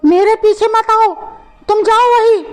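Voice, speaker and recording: A woman's voice: very high voice, unhurried. A woman voicing an angry young girlfriend in a cartoon comedy, talking sharply and scornfully. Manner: sharp, scolding.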